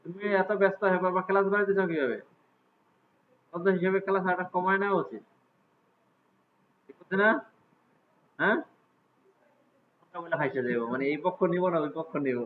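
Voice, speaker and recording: Teacher with tinny lo-fi sound. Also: male voice, sits high, brisk, pauses often. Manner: casual, asks students frequent check questions. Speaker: computer class teacher. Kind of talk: live class walkthrough. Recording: tinny phone-like audio with faint hiss.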